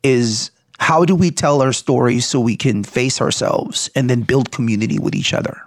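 A Filipino man in his forties is an interview guest, speaking earnestly and reflectively at normal speed in a mid-range voice. He often checks in with "right?" and laughs softly. The recording is dry, with clean studio sound.

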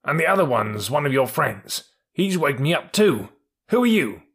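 A man voicing a gruff, bossy old male army mule in a storybook, scolding in a brisk way. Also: a little high, very animated, a bit bright, voice pushed up, heavily acted.

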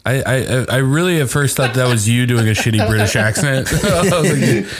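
Man, podcast host, medium pitch, curious questions, easygoing casual chat. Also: animated, a little fast, slight background noise.

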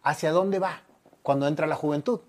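A man hosting an interview, asking measured, reflective questions. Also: fairly high pitch, darkish tone. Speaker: interview host. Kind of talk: conversational interview.

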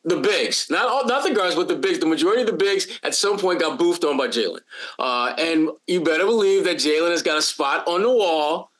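A man co-hosts a sports podcast, his voice sitting a bit high for a man. He talks in a loose, animated chat style, jumping in with playful bits and frequent restarts. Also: a little fast. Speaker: podcast co-host.

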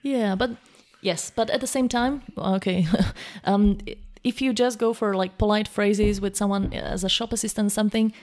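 A young Slovak woman with a Slovak accent, a guest in a casual conversation, talks eagerly and thoughtfully about learning languages, often restarting her sentences. Her medium-pitched voice is steady and somewhat dark, moving at normal speed with few pauses.

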